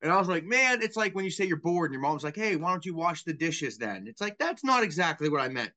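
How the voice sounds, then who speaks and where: A man in his thirties talks over a video call from a small room at home. His voice is bright and forceful, pitched a little high, and he tells stories candidly and pokes fun at himself. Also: big pitch swings, fast. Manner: candid, self-deprecating storyteller. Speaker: guest, property cleanout worker. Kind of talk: casual interview talk on video call. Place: small room indoors with bookshelf.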